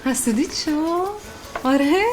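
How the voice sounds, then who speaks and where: A flirtatious woman in a film drama chats playfully with her lover in a high voice, as an actress plays her. She sounds light and teasing, with faint music behind her. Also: close to an everyday voice.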